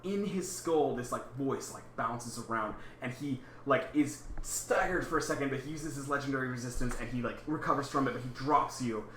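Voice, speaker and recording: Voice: mid-range voice, a little fast, hardly any pauses, a crowd in the background. A game master casually narrating a tabletop role-playing game, peppering the narration with "like". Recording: echoey room with clear background noise.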